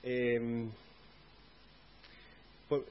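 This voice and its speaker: A man's voice: completely flat delivery, very slow, lo-fi sound, slight background noise. A man preaching a conversational sermon, acting out prayers in a raised voice. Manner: conversational, acts out prayers with rising pitch.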